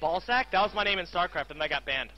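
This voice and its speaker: A man streaming a game live, chatting casually, bossing his viewers around with excitable, profane outbursts. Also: high voice, quick pace, lo-fi sound.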